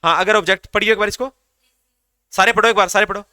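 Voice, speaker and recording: Indian-sounding? no, just a male grammar teacher, high clear voice, quizzing the class over and over. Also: fairly even intonation, fast talker, bright, forceful tone, dry recording. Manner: call-and-response questioning, repeating questions to students. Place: classroom with students.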